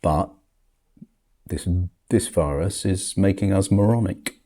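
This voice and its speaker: A man's voice: deep voice, slow, mellow. An older man in a grumpy, world-weary back-in-my-day rant, commenting on the world with emphatic outbursts. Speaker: video commentator.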